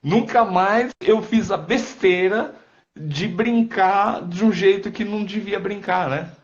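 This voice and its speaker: A man with a Brazilian accent, an Umbanda priest speaking as a guest in a live-stream conversation, a lively storyteller who acts out quotes. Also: high-pitched, slow pace. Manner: lively storyteller acting out quotes, frequent tag questions. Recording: dull lo-fi live-stream audio.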